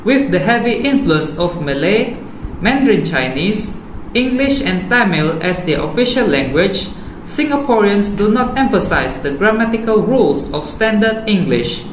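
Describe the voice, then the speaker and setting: A man's voice: high-pitched, sing-song, moderate pace. A man reading out a formal, scripted presentation as a student presenter. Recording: roomy echo, faint background noise.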